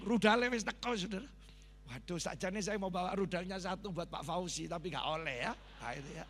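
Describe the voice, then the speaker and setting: A middle-aged man with a Javanese accent, a pastor telling a sermon story with animated sound effects and Javanese asides. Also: high-pitched. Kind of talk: sermon testimony. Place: large church hall. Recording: long reverb of a church hall.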